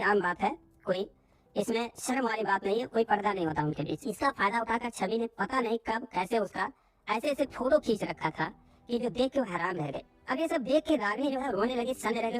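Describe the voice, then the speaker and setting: A woman telling a story in a chatty, casual way, speaking straight to her listeners. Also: medium pitch. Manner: chatty, addresses listeners as friends.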